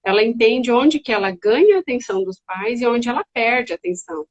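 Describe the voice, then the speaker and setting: Brief: middle-aged Brazilian psychiatrist woman, animated, lively explainer, slightly high voice. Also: brisk, dull audio. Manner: animated, acts out children's voices. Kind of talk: casual educational chat.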